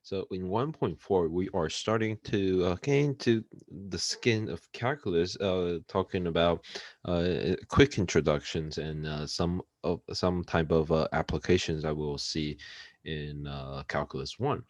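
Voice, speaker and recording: A man giving a recorded math lecture, unhurried, with frequent fillers and checks for understanding. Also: sits low, no room sound. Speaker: math instructor.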